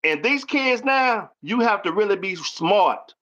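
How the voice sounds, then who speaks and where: A man's voice: sits high, lively intonation, measured pace, a bit bright. A man hosting a casual chat, telling stories in with a folksy manner and acting out quotes. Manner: storytelling, folksy, acts out quotes. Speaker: host. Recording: dull lo-fi audio.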